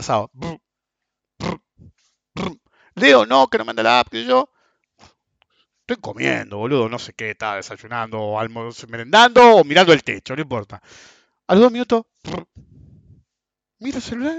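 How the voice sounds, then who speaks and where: A man's voice: fairly high pitch, creaky, fairly bright tone, dry recording. A man in his forties with an Argentine accent, ranting bluntly and sarcastically to his followers about markets, with plenty of swearing. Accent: Argentine Rioplatense Spanish. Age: 40s. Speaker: finance commentator. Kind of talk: casual rant to followers. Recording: dull, dry, lo-fi sound.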